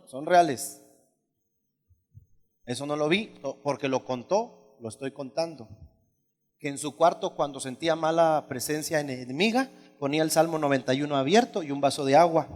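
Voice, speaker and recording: A man's voice: normal speed, soft background music. A male pastor preaching a sermon, emphatic and conversational, often asking the congregation questions. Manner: emphatic, shifts from loud high exclamations to low asides. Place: church hall. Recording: hall reverb.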